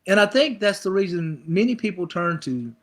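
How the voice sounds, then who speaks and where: A man's voice: high-pitched, expressive, normal speed, a bit bright. A middle-aged male pastor preaching a conversational sermon, acting out people's inner thoughts with repeated phrases.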